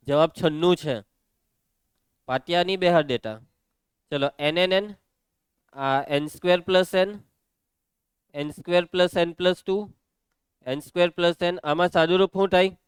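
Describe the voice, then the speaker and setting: A man teaching a maths lesson, walking students briskly through each step. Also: sits high, clean tone, no echo.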